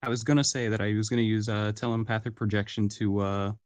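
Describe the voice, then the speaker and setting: A man's voice: lowish voice, level tone, fast talker, a little mellow. A young man playing in a tabletop game, explaining his plans hesitantly with many fillers. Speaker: player. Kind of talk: casual tabletop game talk.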